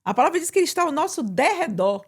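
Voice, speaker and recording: A woman pastor with a Brazilian Portuguese accent, preaching in conversation with emphatic, animated delivery. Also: high-pitched, fast talker. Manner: animated, bursts into emphatic quoted prayers.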